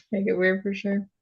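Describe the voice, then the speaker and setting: A woman's voice: medium pitch, highs cut off. A woman co-hosting a casual podcast chat, giggly, with brief replies. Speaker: co-host.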